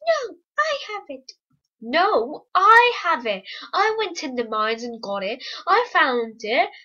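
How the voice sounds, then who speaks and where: Woman doing a squeaky tiny braggart, bickering, shrill and bright, muffled lo-fi sound. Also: very animated, slow, exaggerated voice. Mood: boastful.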